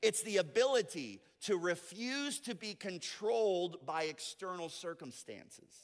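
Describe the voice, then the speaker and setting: A man preaching a sermon as pastor, moving between soft, intimate asides and loud, emphatic declarations. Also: high voice, expressive, a little slow, in a large hall.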